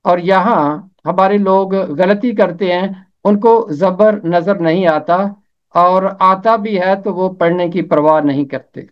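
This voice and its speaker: A man teaching a pronunciation lesson, slowly spelling out vowel marks and repeating each name. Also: high-pitched. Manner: slow, careful spelling out of diacritics and repeated names. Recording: dull lo-fi recording.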